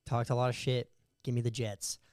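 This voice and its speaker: A man's voice: mid-range voice, little pitch movement, a little fast, darkish tone, clear, resonant tone. A young man co-hosting a casual sports podcast, making confident game picks on gut feeling. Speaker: podcast co-host.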